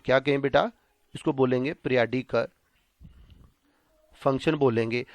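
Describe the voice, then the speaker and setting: A man giving a math lecture. He calls his students "beta", asks them questions and answers them himself, and reads English definitions out slowly. He speaks Hindi-Urdu with a Pakistani Punjabi accent. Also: mid-range voice, no room sound. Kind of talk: classroom lecture.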